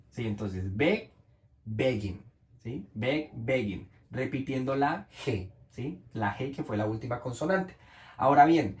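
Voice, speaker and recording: A male teacher explains grammar rules in Spanish, slowly and patiently, checking in with his listeners as he goes. He speaks in a roomy, echoing space at a mid pitch. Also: a little mellow. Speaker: English teacher.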